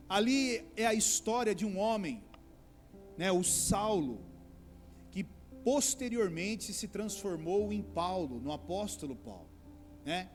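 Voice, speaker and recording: A man pastor preaching a sermon, addressing the congregation as brothers and rising into pleading outbursts. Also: high voice.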